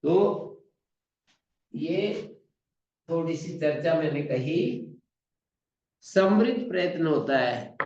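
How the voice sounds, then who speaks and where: Gravelly-voiced man teaching Sanskrit grammar. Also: fairly high pitch, expressive, darkish tone. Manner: explains slowly, demonstrates pronunciations aloud. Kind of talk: classroom lecture. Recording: echoey room, dull lo-fi sound.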